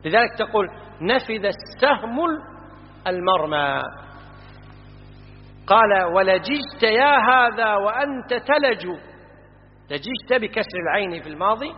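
A man giving a classroom lecture on classical grammar, explaining word forms and quizzing his students. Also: high voice. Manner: explanatory, quizzing students, stresses vowel patterns. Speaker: Arabic grammar teacher. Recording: dull lo-fi audio with long hall reverb.

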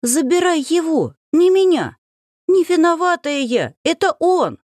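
A woman's voice: very animated, normal speed, no room sound, studio quality. Shrieking terrified young woman, as a woman reader plays her. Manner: shrill, shrieking. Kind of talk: audiobook character acting.

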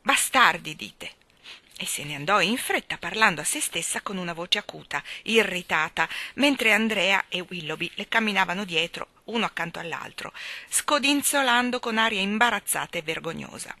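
Woman narrator, audiobook reading, expressive storytelling, bright timbre, dry close sound. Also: mid-range voice, brisk, dry recording. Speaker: reader.

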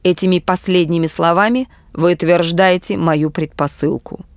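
A woman reading a calm confident socialist man. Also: lowish voice, moderate pace, dry recording, clean studio sound, close to an everyday voice. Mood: calm, reasoning. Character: earnest confident male socialist thinker, calm debater. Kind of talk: audiobook reading.

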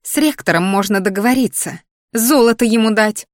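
A woman voicing a spoiled, whiny young noble girl with a shrill, squealing voice in an audiobook reading. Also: normal speed, dry recording, studio quality, lightly acted. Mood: haughty.

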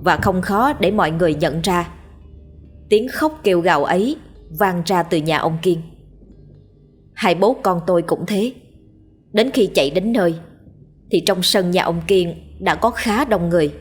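A woman narrating a ghost story in a steady, measured way. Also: lowish voice, slightly rough. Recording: faint background music.

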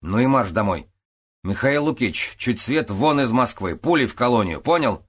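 A male narrator reading an audiobook, voicing a gruff, commanding older police captain who gives blunt orders. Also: mid-range voice, lively intonation, moderate pace, pitched above the performer's own voice. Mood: brusque. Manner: brusque, commanding.

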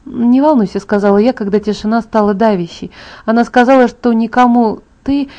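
Woman, audiobook narrator, intimate even delivery, mellow tone, dull lo-fi recording. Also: fairly high pitch, brisk. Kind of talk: first-person audiobook narration.

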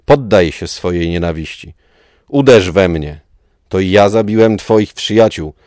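A man voicing a menacing, cruel armored male dark lord, speaking slowly with a rough voice in a read-aloud story. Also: deep voice, no echo, studio quality. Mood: goading. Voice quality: rough, mask-distorted voice. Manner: slow, taunting menace.

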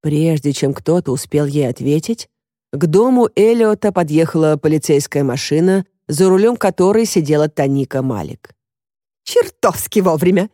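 A woman narrating an audiobook at a measured, even pace. Her voice is low and dark, recorded dry on a close mic. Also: no echo.

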